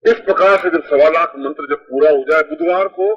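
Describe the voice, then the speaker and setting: A man's voice: fairly high pitch, wildly swooping pitch, fairly quick, slightly rough. A spiritual teacher, a man, gives plain, methodical step-by-step ritual instructions, heard from an old worn tape. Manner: plain, methodical, repeats points for emphasis. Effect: old worn cassette tape. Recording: dull lo-fi 1980s tape recording.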